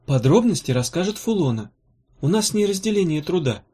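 A man reading an audiobook voices a fussy, practical female valkyrie healer with a brisk, blunt manner. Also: high voice, sing-song, dark tone, husky, pitched above the performer's own voice, heavily acted. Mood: matter-of-fact. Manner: brisk, blunt, a little embarrassed.

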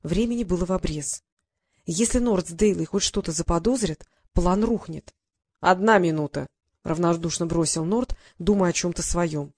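A woman narrating an audiobook story in a steady, even storytelling voice. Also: fairly low pitch, moderate pace.

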